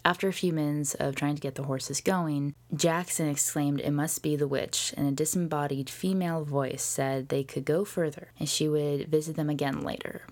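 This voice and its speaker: A woman hosting a podcast, telling a history story in a casual, jokey way with swearing and quick whispered asides. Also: deep voice, steady tone, a little mellow. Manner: chatty with frequent fillers and whispered asides. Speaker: podcast host.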